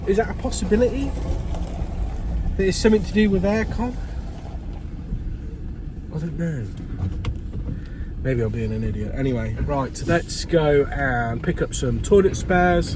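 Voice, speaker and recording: A British man gives a casual working vlog as a plumber, feeling ill with a runny nose. He mutters to himself in slow, halting fragments with lively swings of pitch. Loud noise with clicks and vehicle sounds runs behind him. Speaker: plumber filming his jobs. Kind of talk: casual work vlog, talking through tasks.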